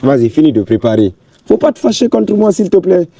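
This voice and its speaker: A pleading big brother, played by a man, apologizes again and again in a comedy film. His voice is very dark and mellow, with a slightly raised pitch. The dry recording keeps him close. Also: very animated, fairly quick, vocal fry, no room sound, recorded from a distance, exaggerated voice. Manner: pleading, coaxing. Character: apologetic older brother coaxing his little sister.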